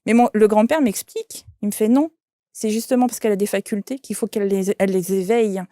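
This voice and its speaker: Woman, shaman and medium, mellow voice, dry close sound, interview anecdote. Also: mid-range voice, fast talker, no echo. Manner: lively anecdote telling, quoting voices. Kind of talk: interview storytelling.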